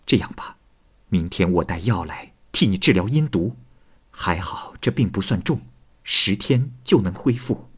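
A man voicing a devoted fox spirit woman who scolds in a soft, hushed way. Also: low-pitched, lively intonation, a little slow, husky, full character voice. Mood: hushed concern.

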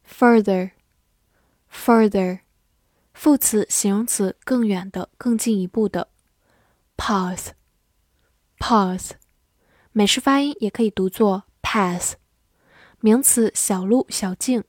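A woman's voice: medium pitch, a little slow, a little mellow, dry recording, clean studio sound. A woman teaching English vocabulary. She reviews it word by word, saying each word twice and then listing its parts of speech and meanings.

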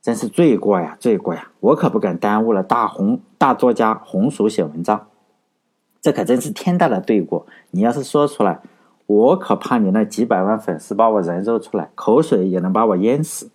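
A man voicing a playful young woman who teases her boyfriend, in a husky voice. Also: on the low side, lively intonation, normal speed, a little mellow. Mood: teasing. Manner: teasing.

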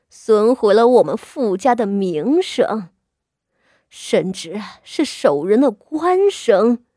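A woman voicing an elderly, harsh matriarch who scolds slowly and coldly. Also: mid-range voice, warm tone, no room sound, studio quality. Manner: slow, cold, scolding.

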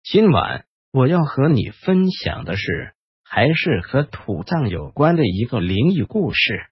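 A man hosting and narrating a ghost story in a slow, hushed storytelling manner. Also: mid-range voice, big pitch swings, husky, no echo, muffled recording. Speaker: host and storyteller.

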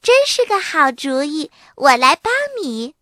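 A woman's voice: sits high, animated, unhurried, bright, forceful tone, no echo, studio quality, voice pushed up, full character voice. A woman voicing a spirited, helpful young girl monkey in a read-aloud children's storybook. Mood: delighted.

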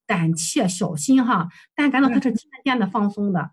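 Husky woman counselor rattling through a case report, bit high-pitched, lots of self-corrections. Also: lively intonation, moderate pace. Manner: hesitant, many fillers and self-corrections. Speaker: counselor presenting a case for supervision. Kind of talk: case report, recounting session dialogue.

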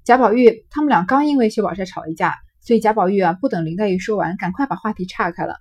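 A woman's voice: medium pitch, fast talker, darkish tone, slightly rough. A woman who reads a classic novel aloud, then retells and explains it in a conversational way.

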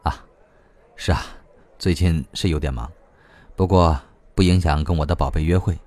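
A man reading a novel aloud, voicing a tired man who talks low and sighs through teasing endearments. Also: moderate pace, a little mellow, no room sound. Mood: weary teasing.

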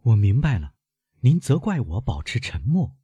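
A man's voice: medium pitch, very animated, moderate pace, warm tone, husky, dry recording, muffled recording, voice pushed up. A man voicing an anxious, devoted young granddaughter who keeps pressing her questions urgently. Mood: anxious pleading.

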